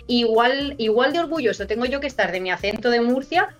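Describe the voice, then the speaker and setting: A woman Spanish teacher chatting as a podcast guest, telling stories in an animated way with many restarts. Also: fairly high pitch, a little fast, dull audio, soft background music. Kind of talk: casual chat.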